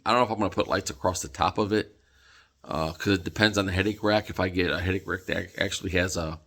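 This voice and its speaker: Yawning and worn out, a man talks casually on his vlog about a truck, wandering through fillers and false starts. He speaks fast in a low, steady voice with a fairly bright tone.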